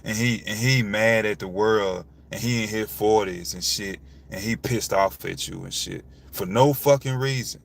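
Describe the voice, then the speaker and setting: A man's voice: fairly low pitch, moderate pace, creaky, hardly any pauses. A young man talks frankly and with animation about his father, often asking "you see what I'm saying". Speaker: vlogger. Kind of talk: casual talk to camera.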